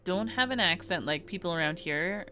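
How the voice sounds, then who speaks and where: Faint music plays behind a woman whose lowish voice is animated and sharp at a moderate pace. Speaking with an American West Coast accent, she giggles, rambles, and restarts often while casually reading live chat and talking to viewers on her game stream.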